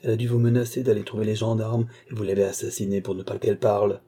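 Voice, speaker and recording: Brief: indignant young man, low and dark-toned, accusing, read by the narrator. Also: little pitch movement, quick pace, breathy edge.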